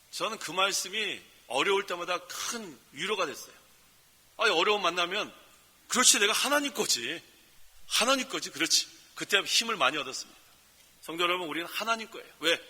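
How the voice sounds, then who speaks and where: A male pastor preaching in an emphatic, folksy way, with sudden loud exclamations. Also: high-pitched, in a large hall. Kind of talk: sermon. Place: prayer retreat center hall.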